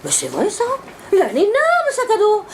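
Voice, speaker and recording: A woman's voice: extremely high pitch, wildly swooping pitch, moderate pace, a little hiss or hum. A middle-aged woman comedian telling a self-mocking story on a theater stage. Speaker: stand-up comedian. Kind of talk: stand-up storytelling. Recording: live theater with loud audience laughter.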